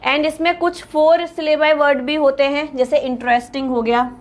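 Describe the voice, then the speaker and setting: A woman's voice: high-pitched, steady tone, moderate pace. A woman with an Indian accent teaching an exam-prep English lesson, explaining step by step and checking in with her students.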